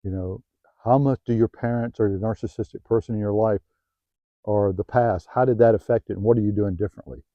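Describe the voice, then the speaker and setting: A middle-aged man with a Southern US accent gives heartfelt self-help advice, often restarting his phrases and growing quieter when he gets personal. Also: on the low side, steady tone, fairly quick, dry recording, muffled recording. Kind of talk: earnest motivational talk to camera. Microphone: new home-video mic, dull sound.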